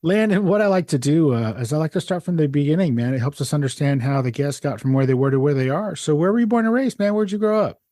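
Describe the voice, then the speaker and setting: A man's voice: a little high, quick pace, hardly any pauses, warm tone. A middle-aged man from Texas hosting a podcast, chatty and self-interrupting, calling his guest "man" and "dude". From San Antonio, Texas. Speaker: podcast host. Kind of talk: casual podcast interview and intro.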